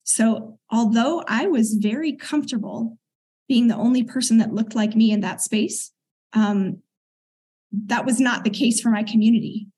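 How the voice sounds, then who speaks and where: A middle-aged American woman, a guest in a conversational interview, tells her story in a slightly husky, breathy voice pitched a bit higher than average. She is earnest and reflective, occasionally clearing her throat, and speaks at a moderate, mellow pace.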